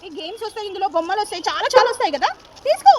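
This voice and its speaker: A woman's voice: very high voice, big pitch swings, rapid-fire. A woman teacher, insistently urging children to answer. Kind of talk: prompting children in class. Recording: loud background noise.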